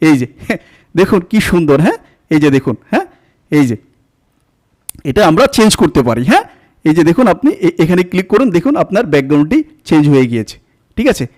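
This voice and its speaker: Lively high-voiced Bangladeshi man explaining. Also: fast talker, pauses often. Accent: Bangladeshi Bengali. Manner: repetitive, stepwise explaining with frequent "look here". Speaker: tutorial instructor. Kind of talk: screen-recorded software tutorial.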